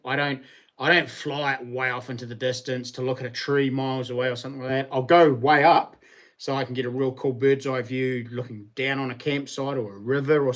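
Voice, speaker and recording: A man with a New Zealand accent hosting a livestream, talking to viewers in an informal, rambling, slangy way. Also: medium pitch. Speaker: livestream host. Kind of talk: casual livestream chat with viewers.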